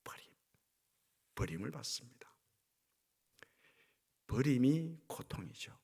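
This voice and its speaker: A male pastor preaching a sermon, acting out cries of anguish with sweeping swings in pitch and volume. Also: animated, slow, creaky, dark tone, breathy edge.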